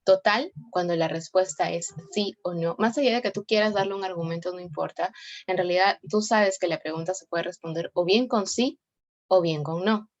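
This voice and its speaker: A woman's voice: fairly low pitch, moderate pace, lo-fi sound. Woman teaching, tagging "¿no?" often. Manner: frequent tag "¿no?" and self-corrections. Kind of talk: explaining sentence types in a class.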